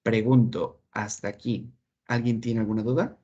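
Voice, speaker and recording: A man's voice: fairly low pitch, steady tone, normal speed, warm tone, lo-fi sound. A man teaching an online English class, patiently explaining and checking that his students follow. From Mexico. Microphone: video call.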